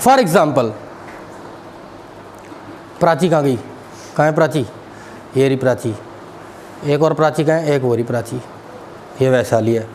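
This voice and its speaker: A man teaching spoken English phrases to a class, joking with students and slowly reading each phrase aloud. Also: mid-range voice, a little mellow, slight background noise. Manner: jokey, tells funny classroom anecdotes, slows down to read phrases. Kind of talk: classroom lesson.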